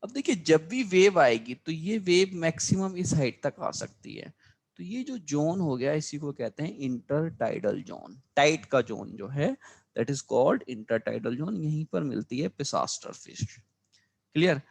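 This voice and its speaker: Male tutor, slightly high voice, exam-prep biology lesson; repetitive, checks in with students often. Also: very animated, measured pace. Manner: repeats key terms, checks understanding with "clear?"; addresses students as children, frequent reminders to remember. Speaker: biology teacher. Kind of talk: exam-prep lesson explaining class notes.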